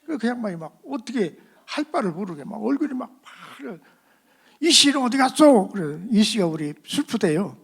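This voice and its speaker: A middle-aged man preaching, telling a personal testimony in a lively storytelling manner and acting out the voices of the people in it. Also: sits high, normal speed, gravelly, few pauses, husky. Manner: animated storyteller acting out quoted voices, laughing at himself. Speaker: pastor. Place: church sanctuary.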